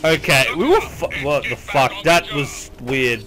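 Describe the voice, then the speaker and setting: A man's voice: a little high, animated, a little slow, bright, forceful tone. A man chatting casually while playing a video game, joking and swearing with a friend. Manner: joking, swearing, laughing a lot. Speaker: gamer. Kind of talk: casual let's-play chat. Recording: game music behind.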